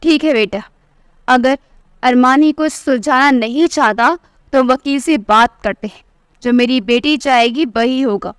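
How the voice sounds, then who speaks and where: A woman's voice: high voice, a little slow, smooth, dry recording, studio quality. A woman voicing an indulgent mother who speaks in a soothing, coaxing way.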